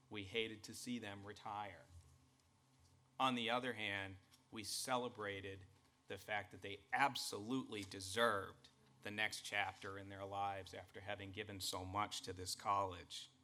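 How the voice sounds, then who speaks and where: A man with a Boston accent gives a formal state-of-the-college address, measured and emphatic in his delivery. His voice sits a little low but has a bright, forceful edge. He speaks in an earnest tone. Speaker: college president.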